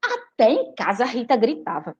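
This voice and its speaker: A woman from Recife, a teacher and writer giving a lively storytelling talk and speaking straight to her audience. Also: a little high, moderate pace, lo-fi sound. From Recife, Brazil. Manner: animated, chatty, addresses audience directly.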